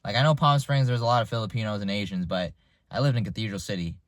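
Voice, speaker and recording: A man in his twenties, raised in the United States, vlogs in a casual, unscripted monologue, thinking aloud loosely and reflectively and often restarting. His voice is lowish and fast, recorded with no room sound.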